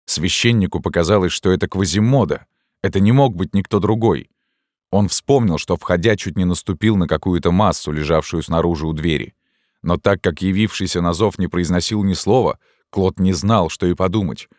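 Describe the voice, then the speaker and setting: A man narrating an audiobook in a measured, even storytelling manner. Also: low-pitched, dry recording, clean studio sound.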